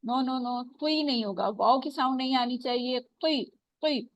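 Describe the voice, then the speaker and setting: A woman teaching Quran recitation in an online class, patiently repeating sounds slowly for her students. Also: sits high, no echo, dull audio.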